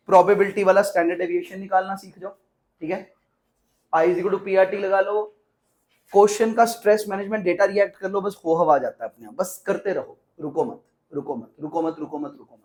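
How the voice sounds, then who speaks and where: A man's voice: high voice, a little mellow. A man teaching a classroom lecture, repeating his points and mixing English terms into his talk.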